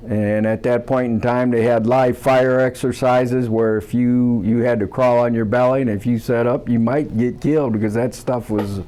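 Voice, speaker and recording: A man in his seventies from Ohio, telling his own memories in an interview in a plainspoken, halting way. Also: medium pitch, steady tone, warm tone. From Cleveland, Ohio, USA. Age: 70s. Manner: plainspoken, halting with many uhs. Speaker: veteran interviewee.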